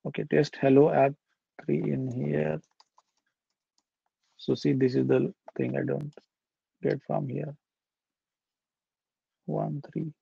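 A young man presenting a live software demo at a meetup over a video call, talking casually and thinking aloud with fillers. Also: on the high side, flat delivery, slow, vocal fry, long pauses, husky, no room sound, muffled recording. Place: indoor room.

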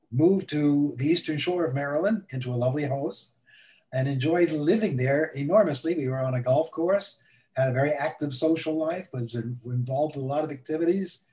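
A man's voice: on the high side, darkish tone, rough recording. An older man from Canada, a retired rabbi, telling his story on a video call and quoting others in a raised voice. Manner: unhurried anecdotal telling, raising his voice to quote others. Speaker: retired rabbi, resident guest. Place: home room, indoors. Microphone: webcam on a video call.

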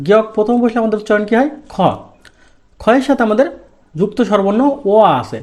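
A man's voice: high-pitched, a little mellow. A man from Bangladesh teaching Korean pronunciation, asking questions and then answering them himself. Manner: drawn-out, deliberate stress on key sounds. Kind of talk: step-by-step pronunciation lesson.

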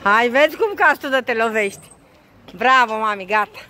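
A woman's voice: fairly high pitch, expressive, bright, forceful tone, a little hiss or hum. A young mother at an outdoor playground, coaxing and cheering on her children, switching between two languages.

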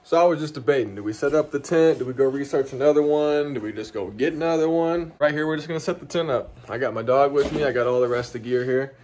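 A young man casually walking through his camping gear in a home basement, talking to a handheld phone camera in a relaxed, chatty way. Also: medium pitch, fast talker, hardly any pauses, slight background noise. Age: young adult. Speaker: outdoor gear vlogger. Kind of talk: casual vlog walkthrough. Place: home basement room, indoors. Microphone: phone camera held close.

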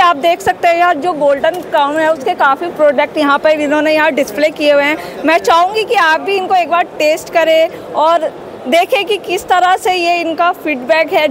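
A woman's voice: high-pitched, moderate pace. A young woman reporter asking polite questions and signing off in a field news interview with a handheld mic. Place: busy indoor expo stall. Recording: noisy expo hall.

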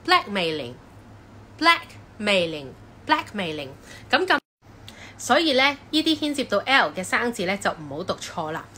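A woman teaching English pronunciation, repeating each word slowly several times as a drill. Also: on the high side, sing-song, sharp tone, a little hiss or hum. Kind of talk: pronunciation lesson.

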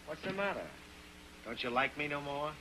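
An actor in an early sound film playing a cocky, pushy young drifter who talks tough in slang. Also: male voice, a little high, lively intonation, normal speed, noisy background, lightly acted. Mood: coaxing.

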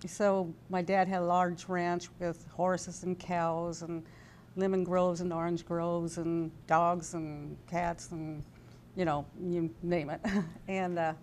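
Wearing a lapel mic at a desk in a TV studio, this interview guest, an American-accented Californian in her sixties, looks back on the past in a casual, hesitant way. Her voice is fairly low and darkish, level in tone and slow, over slight background noise.

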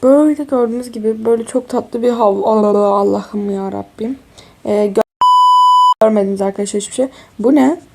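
A woman's voice: on the high side, a little fast, creaky, dark tone, a little hiss or hum. A tired young woman chatting casually through a life-sim game, exclaiming and talking to her viewers as friends. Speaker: gaming YouTuber. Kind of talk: casual game walkthrough commentary.

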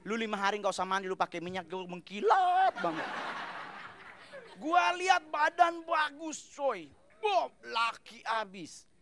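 A man doing stand-up on a TV studio stage into a handheld mic, talking loud and animated in slangy street speech. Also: very high voice, a little slow, slight background noise. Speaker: stand-up comedian. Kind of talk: stand-up comedy set. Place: TV studio stage with live audience. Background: audience laughter.

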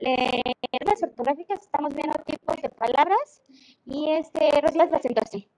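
A woman's voice: high-pitched, moderate pace, a little mellow. A woman teacher with a Mexican Spanish accent, explaining patiently in an online class and checking that students follow. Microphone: video call.

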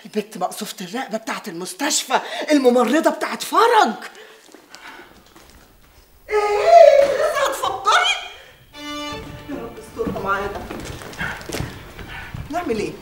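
An excitable Egyptian wife. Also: female voice, fairly high pitch, quick pace, loud music behind the voice. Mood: agitated. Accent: Egyptian Arabic. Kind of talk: TV drama acting.

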